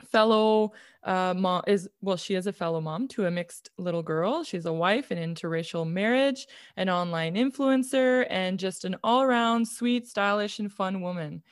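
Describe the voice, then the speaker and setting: A woman's voice: medium pitch, normal speed, hardly any pauses, clean tone, no room sound, studio quality. A woman hosting a podcast, introducing her guest and encouraging her with short replies. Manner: warm scripted introduction, then encouraging interjections. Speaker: podcast host. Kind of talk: podcast interview.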